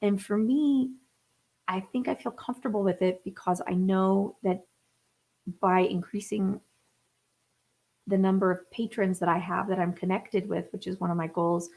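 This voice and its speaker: A woman's voice: mid-range voice, steady tone, normal speed, vocal fry, pauses often, a little mellow. Woman in her 30s rambling on a live stream, lots of ums and restarts, webcam sound. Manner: chatty, thinking aloud with fillers and restarts. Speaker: singer-songwriter livestream host. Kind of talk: casual livestream chat. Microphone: webcam or phone on a live stream.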